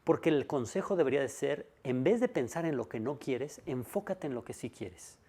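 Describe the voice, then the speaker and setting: A man's voice: mid-range voice, lively intonation, normal speed, dark tone. A man giving a monologue lecture on personal development, stressing key points by repeating them and asking rhetorical questions.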